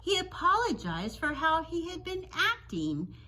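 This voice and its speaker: A woman teacher reading a children's story aloud in an animated, sing-song storytelling manner. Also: very high voice, a little slow, rough recording.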